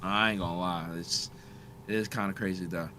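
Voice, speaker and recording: A man's voice: low voice, steady tone, brisk, background noise. A man hosting a casual podcast chat, talking in easy slang with frequent laughs and reading an article aloud with stumbles. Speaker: podcast host.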